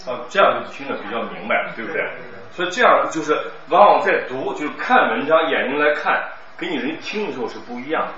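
Brief: middle-aged man, recitation teacher, lively teasing delivery, recorded far off in a boomy, muffled room. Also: quick pace. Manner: chatty, teasing, laughs often. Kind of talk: classroom coaching and Q&A. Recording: echoey, distant, muffled room with noise.

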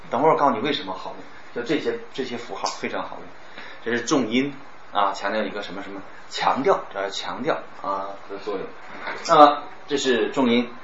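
A man teaching a class on speaking, lively and demonstrating words with exaggerated stress and pauses. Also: mid-range voice. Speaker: speech teacher. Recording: roomy, dull, some background noise.

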